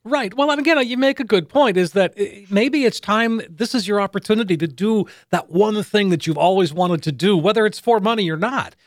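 A man's voice: sits high, brisk, few pauses, no echo, studio quality. A man hosting a call-in radio show about retirement money, easygoing and agreeable, reading out the phone number.

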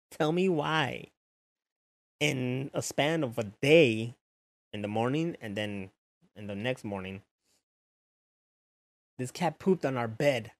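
Man with a gravelly, mid-pitched voice; loose, animated monologue peppered with swearing. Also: no room sound. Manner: loose, profane, animated retelling. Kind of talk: casual storytelling monologue.

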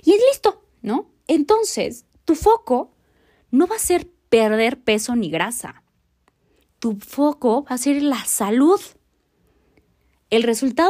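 A woman's voice: high-pitched, warm tone. A woman hosting a motivational podcast, talking earnestly and reflectively straight to the listener. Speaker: podcast host.

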